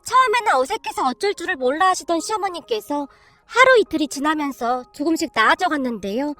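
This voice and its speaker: A woman's voice: high-pitched, a bit bright. A woman reading a story aloud in a polite storytelling tone. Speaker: story narrator. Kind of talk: read-aloud story narration.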